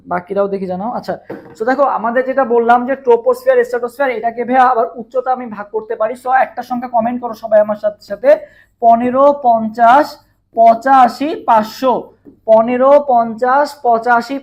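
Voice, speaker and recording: Fast-talking hoarse Bangladeshi male teacher. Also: extremely high pitch, steady tone. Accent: Bangladeshi Bengali. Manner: fast, repetitive, drills answers with students. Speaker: chemistry teacher. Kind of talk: live online class.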